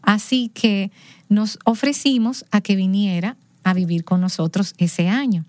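Animated woman storyteller, dry close sound. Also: medium pitch, measured pace, dry recording. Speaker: interview guest. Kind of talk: personal storytelling in conversation.

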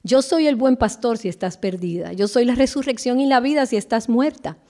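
A woman giving an earnest devotional Bible teaching, slowing down with emphatic pauses. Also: on the high side, dark tone.

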